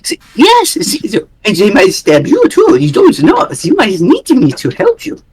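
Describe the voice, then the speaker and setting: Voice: medium pitch, huge pitch swings, measured pace, a little mellow, husky, voice pushed up, full character voice. A player voicing a nervous, overly polite gnome doctor who stammers and fawns. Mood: pleading. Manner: fawning and stammering.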